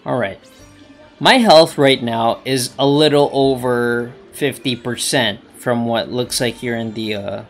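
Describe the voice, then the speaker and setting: A man narrating his own gameplay in loose, halting let's play commentary, often trailing off and circling back. His voice has a gravelly, fry-tinged texture. Faint music runs underneath. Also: medium pitch, steady tone. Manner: rambling, hesitant, self-talking. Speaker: gaming channel host.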